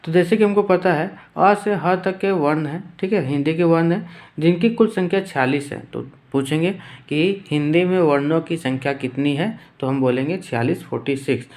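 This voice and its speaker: A man's voice: a little high, normal speed, darkish tone. Man teaching a step-by-step grammar lesson. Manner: explains step by step, repeats terms, says "theek hai" often. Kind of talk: exam-prep grammar lesson.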